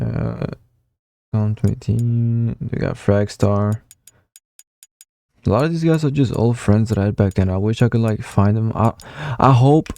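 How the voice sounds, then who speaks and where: This gaming vlogger, a young man around nineteen, casually rambles and reminisces over old console messages, leaning on fillers and swearing now and then. His fairly low voice is gravelly yet warm, heard in a dry recording.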